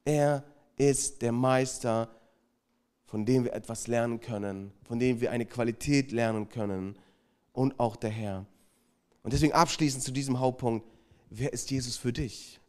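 A man preaching a sermon and retelling a story, emphatic, swinging from loud stresses to hushed passages, with chatty asides to the congregation. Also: medium pitch, fairly even intonation, moderate pace, clean tone. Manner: conversational asides to the audience. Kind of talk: sermon with retold anecdote.

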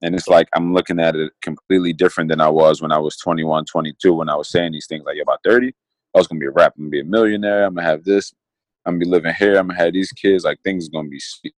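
Man in his twenties, very low voice, dry close sound, reflective podcast chat, earnest, repeats himself. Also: fairly even intonation, very fast, no echo. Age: 20s. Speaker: podcast co-host.

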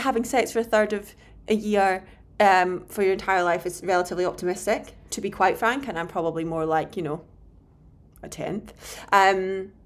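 A woman hosting a podcast in a casual, explanatory way, frank and self-deprecating, recorded in a slightly echoey room. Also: medium pitch. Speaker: podcast host and nutritionist. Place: indoor room, home recording.

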